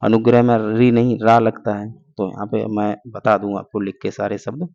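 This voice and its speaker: A man's voice: lowish voice, flat delivery, normal speed, creaky, darkish tone. A man teaching an exam-prep grammar lesson, explaining step by step and answering his own questions. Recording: dull lo-fi recording.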